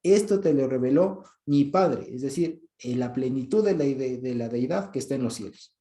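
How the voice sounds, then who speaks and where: A preacher with an Ecuadorian Spanish accent gives an informal Bible teaching at a moderate pace, his medium-pitched voice expressive and conversational. He often stops to ask if he is understood, chuckling softly, and the sound is reverberant.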